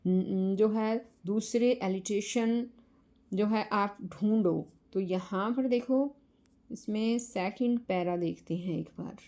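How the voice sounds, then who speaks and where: A woman teacher with an Indian English accent explaining a poem lesson to children, reading English lines slowly and then explaining them. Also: mid-range voice, dark tone.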